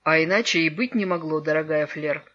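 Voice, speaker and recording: A kindly old grandfather wizard, as a woman storyteller puts him on, speaking gently and with solemn warmth in a slightly lowered voice. He sounds like a fairy-tale storybook reading, captured on a dull, lo-fi recording. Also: brisk.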